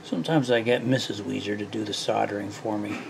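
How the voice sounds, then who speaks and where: A middle-aged man hosting a small engine repair tutorial talks through the job at his bench in a relaxed, self-deprecating way, thinking aloud as he goes. His voice sits on the low side and is gravelly and brisk, with a noisy background.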